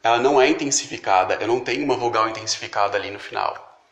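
A man whose first language is Portuguese explains pronunciation as a tutor, repeating example words slowly and deliberately. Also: fairly low pitch, fairly bright tone, echoey room. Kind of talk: instructional explanation.

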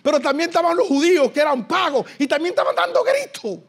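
A male pastor delivering an impassioned sermon, swinging between loud, shouted lines and low, hushed ones, and drawing out quoted scripture slowly. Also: sing-song, vocal fry. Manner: slow, drawn-out reading of quoted scripture.

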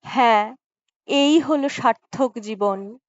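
A woman reading as a gentle, earnest young revolutionary man in an audiobook story, speaking high and slow. His tone stays earnest throughout. The recording is dry and a little muffled. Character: earnest male revolutionary elder brother, gentle. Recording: dry, slightly dull lo-fi recording.

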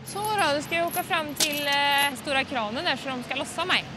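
A young woman with a Swedish accent, a timber truck driver thinking aloud in a reality show, swearing under stress. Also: high-pitched. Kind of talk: reality TV commentary. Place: truck cab. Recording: music playing underneath.

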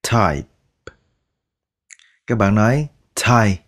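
Slow, patient male English teacher. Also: lowish voice, expressive. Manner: repeats each word slowly, drawing out sounds; patient, coaxing, ends phrases with soft particles. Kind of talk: slow pronunciation lesson.

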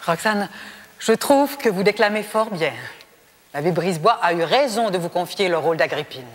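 Lively-pitched, authoritative nun. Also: female voice, normal speed. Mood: composed, firm. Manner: formal, polite authority. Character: composed, authoritative convent mother superior. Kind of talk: television period drama acting.

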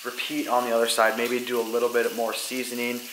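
Speaking fairly quickly in a medium-pitched, completely flat voice, a young fishing vlogger chats casually and fills his talk with fillers. The background is noisy; he shoots on a handheld wide-angle camera at arm's length from a garage to an apartment kitchen and living room.

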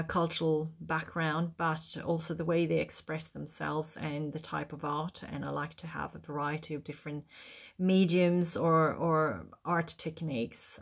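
A woman in her forties speaks with a notably low voice. She answers in a measured, reflective way, pausing on ums. She is recorded at her desk on a webcam. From Sweden. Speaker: artist and curator. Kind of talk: interview answer to camera.

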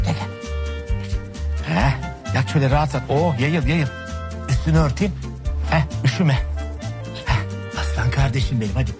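A man's voice: medium pitch, moderate pace, pauses often, over music, lightly acted. An actor playing a scheming, lazy man who wheedles his wife and brother with melodramatic complaints. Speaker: actor in a TV comedy series.

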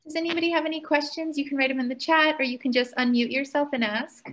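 A woman with a fairly high voice moderates an online session over a video call. She sounds upbeat and encouraging as she asks the audience for questions. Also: steady tone, fast, fairly bright tone.

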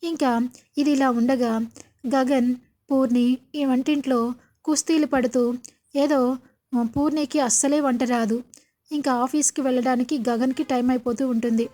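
A woman's voice: high-pitched, steady tone, moderate pace, pauses often, dark tone. A woman retelling a TV serial episode in plain storytelling, reading out every part herself. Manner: plain storytelling with repeated linking phrases. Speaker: narrator.

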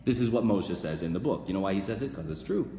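A man in his thirties, a rabbi teaching a weekly class, animated and gesturing, bursting into loud acted voices. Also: low-pitched, fast talker, a little hiss or hum. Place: small room before a banner backdrop, live class. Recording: echoey room with long reverb.

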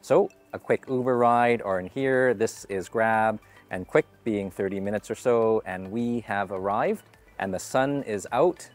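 Soft music backs a lowish, slightly slow male voice as a food vlogger in his forties tours a hotel buffet restaurant. His casual narration stays upbeat and chatty, punctuated by warm greetings to staff.

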